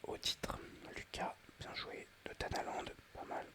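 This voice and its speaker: At a measured pace, a man whispers ASMR-style commentary while playing a mobile game. He's chatty and excitable, talking directly to his viewers.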